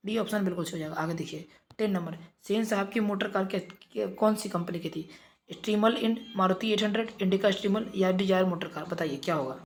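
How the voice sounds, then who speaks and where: Guy doing an exam revision lesson, talks real fast, coaxing his students. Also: high voice, a little hiss or hum. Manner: brisk, reads out quiz options, coaxing pupils. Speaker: teacher.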